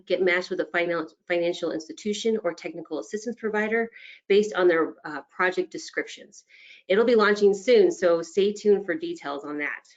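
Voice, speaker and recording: A woman giving a brisk webinar presentation for a state agency, with frequent ums and restarts. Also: on the low side. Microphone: video call. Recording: dull lo-fi online call audio.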